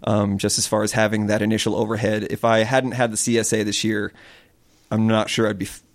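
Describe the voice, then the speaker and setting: A man's voice: lowish voice, flat delivery, brisk. A man from Connecticut who runs a small farm, earnestly explaining his work in an interview. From Connecticut, USA. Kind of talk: interview answers.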